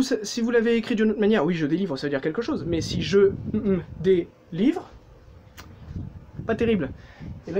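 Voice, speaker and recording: High-voiced chatty French man teaching. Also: noisy background. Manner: chatty, jokey, with frequent fillers and self-corrections. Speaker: German teacher. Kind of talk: casual language lesson.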